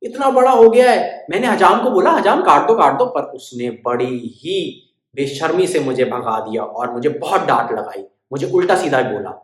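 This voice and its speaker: Feisty little female bird, shrill and insistent, as a woman puts her on, storybook reading, roomy echo. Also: lively intonation, normal speed. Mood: pleading. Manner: shrill, pleading then demanding.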